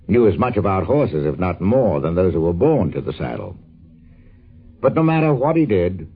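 A man's voice: low voice, slightly rough. A man delivering scripted narration in the style of an old radio programme. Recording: muffled, phone-like old radio recording.

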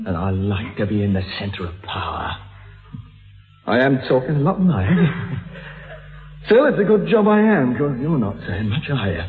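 A man's voice: mid-range voice, big pitch swings, normal speed, long pauses, soft background music, natural voice. An actor playing an unhinged young male killer who taunts his captive, mocking and swinging between menace and giggles. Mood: taunting. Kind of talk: radio-drama acting. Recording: tinny old radio recording in echoey hall.

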